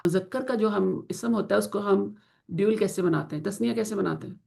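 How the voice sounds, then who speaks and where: A woman teaching Quranic Arabic grammar in an online class, explaining in Urdu mixed with English and slowly drawing out the Arabic example words. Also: mid-range voice, vocal fry, darkish tone. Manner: slow drawn-out pronunciation of Arabic example words, asks students to confirm.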